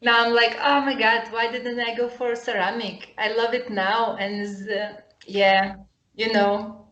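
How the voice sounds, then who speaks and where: A woman of thirty from Lithuania, a guest chatting casually over a call and often pausing to search for English words. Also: fairly high pitch, little pitch movement, a bit bright, dull audio. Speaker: guest, upcycling designer and potter. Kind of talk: casual chat. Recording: roomy echoey sound.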